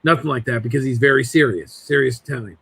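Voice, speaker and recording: A man voicing his earnest brother-in-law giving a quiet warning. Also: medium pitch, fast, creaky, slightly rough, dry recording, voice pushed down, full character voice.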